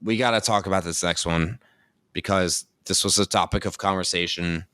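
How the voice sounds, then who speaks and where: Casual chat co-host, low bright voice, dry close sound, rambling with fillers. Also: male voice, steady tone, normal speed, no room sound. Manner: rambling, thinks aloud with many fillers. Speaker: podcast co-host; dancer.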